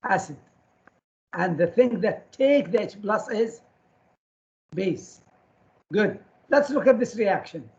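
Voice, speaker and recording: A male chemistry lecturer talks at an unhurried, deliberate pace, stopping often to quiz the room with quick questions. He repeats names and terms over and over, and the recording sounds muffled and lo-fi. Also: high voice, expressive, vocal fry, a little mellow. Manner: quizzes students with short questions and repeats key terms. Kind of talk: classroom lecture.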